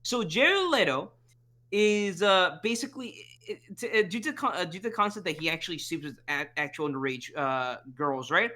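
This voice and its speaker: A podcast co-host rambling in casual chat, profane, with many fillers and restarts. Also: male voice, high-pitched, lively intonation, normal speed, bright, forceful tone.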